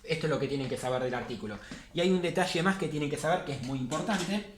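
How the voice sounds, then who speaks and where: A fairly high-voiced man gives a classroom lesson, patiently going back over each rule and repeating it for emphasis. His voice rings in a roomy, echoey space. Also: expressive, fast talker, background noise. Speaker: language teacher. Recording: echoey room.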